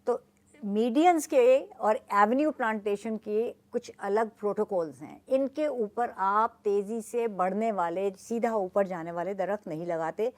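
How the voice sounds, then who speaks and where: A woman's voice: mid-range voice, a little mellow. A woman with a Pakistani Urdu accent, speaking as an interview guest and explaining her points earnestly with examples. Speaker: guest, journalist and environmentalist.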